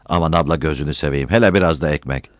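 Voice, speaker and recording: A man voicing a loud, greedy, simple-minded village man with a thick voice. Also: extremely low pitch, quick pace, no echo, clean studio sound. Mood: wheedling. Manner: shouting, wheedling.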